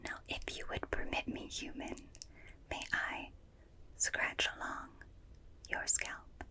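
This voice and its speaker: Close to a binaural microphone, a woman ASMR performer plays a gentle, curious alien in a personal-attention roleplay. She speaks in soft, breathy whispers that are slow and soothing, with clinical, repetitive, clipped and detached phrasing.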